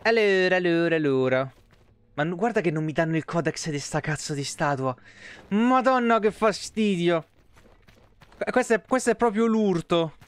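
A man's voice: a little high, animated, fairly quick. A man with an Italian accent giving casual, sarcastic live commentary on a game he is playing, swearing freely and talking back at the characters. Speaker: gaming streamer.

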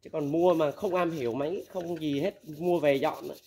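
A man's voice: on the high side, steady tone, moderate pace, creaky, dark tone. Blunt, candid man. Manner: blunt, candid, laughs often, acts out quoted dialogue. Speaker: used machinery dealer. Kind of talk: casual advice talk.

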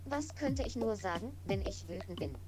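A woman's voice: medium pitch, lively intonation, normal speed, lightly acted. A synthesized female game voice speaking for cheerful little game characters, with stiff computer-made phrasing. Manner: stiff, computer-generated speech with odd melody. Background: loud game music.

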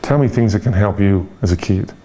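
An Irish man in his forties, interviewed as a guest, speaks honestly and reflectively with many pauses, fillers and restarts. His voice is lowish and warm, and there's a little hiss or hum in the recording.

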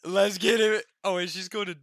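A young man giving loud, excited commentary while playing a game with a friend. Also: high-pitched, moderate pace, creaky, no echo. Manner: loud, excitable, shouts and laughs often. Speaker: gaming YouTuber.

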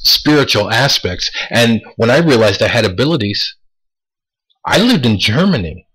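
A man with a somewhat low, husky voice talks through a casual monologue to his viewers. He takes his time, circles back to stress key words and tosses out rhetorical questions. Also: a bit bright, rough recording. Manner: deliberate, repeats words for emphasis. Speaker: vlogger.

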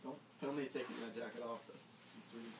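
A man's voice: medium pitch, steady tone, fairly quick. A young man talking casually in a home kitchen, picked up by a phone held nearby. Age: teens to young adult. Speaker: challenge participant. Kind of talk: casual chat. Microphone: phone held by another person nearby. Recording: faintly noisy home video, dish clatter.

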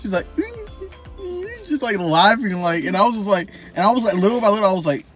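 A man's voice: high-pitched, fast, fairly bright tone, faint music behind. A young man chatting casually on a couples vlog, telling a story in a rambling way with lots of fillers. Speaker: vlogger. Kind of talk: casual chat.

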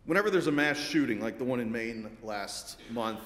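A man delivers a sermon from a church sanctuary, speaking in a steady middle register. His tone is measured and reflective, broken by wry, dry asides. The sound is roomy, with a long reverb hanging in the hall. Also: medium pitch. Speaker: pastor.

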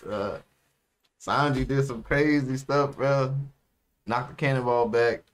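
A young adult man co-hosts an anime reaction show, chatting in a laid-back, slangy manner while seated in a small indoor room. His mid-range voice is slow with fairly even intonation, and the talk is a casual reaction chat.

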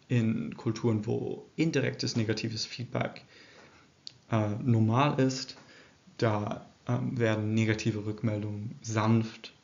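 A man's voice: medium pitch, creaky, darkish tone, muffled recording. Hesitant young man lecturing over slides. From England. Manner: hesitant, many fillers and restarts. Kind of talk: recorded slide presentation. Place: indoor room.

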